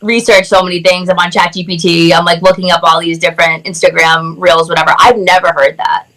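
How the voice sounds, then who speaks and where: A woman guest chatting casually over a video call, excited and gushing, saying "like" constantly. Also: on the low side, fairly quick, low-quality recording. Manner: excited, gushing, heavy use of "like". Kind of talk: casual chat.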